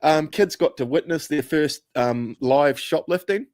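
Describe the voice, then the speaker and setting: A man's voice: a little high, expressive, unhurried, darkish tone, dry recording, clean studio sound. A man co-hosting a podcast in casual chat, laid-back, laughing often and swearing casually. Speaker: podcast co-host.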